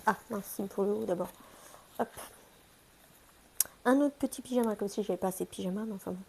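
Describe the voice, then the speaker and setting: A woman's voice: medium pitch, a little fast, creaky, darkish tone, slight background noise. A young woman chatting casually through a shopping haul vlog, chatty and self-mocking, talking to her pets between items. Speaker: haul vlogger.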